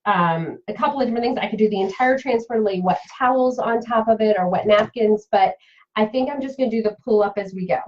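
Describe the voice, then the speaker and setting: A woman's voice: mid-range voice, fast talker, dull audio. A woman leading a live-streamed craft tutorial, chatty and full of fillers, answering viewers' comments as she works. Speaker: craft demonstrator and seller.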